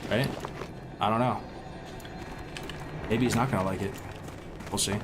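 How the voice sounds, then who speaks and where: A man with a lowish voice and fairly even intonation talks at a measured pace to his livestream viewers, sounding stuffed up and sniffly from a cold. His casual chatter rambles and restarts, full of gamer slang, with background noise and music clearly audible.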